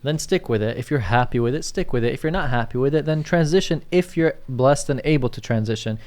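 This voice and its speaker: A man's voice: mid-range voice, quick pace, a little mellow. A young man co-hosting a casual podcast, talking loosely, reading out viewer questions and often asking "you get what I'm saying". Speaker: podcast co-host.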